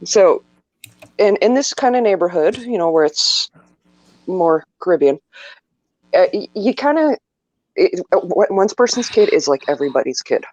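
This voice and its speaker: A man's voice: high voice, big pitch swings, normal speed, long pauses, a little mellow, no echo, muffled recording. A man hosting a casual podcast chat from his apartment, rambling and repeating words as he tells a story. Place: apartment at home.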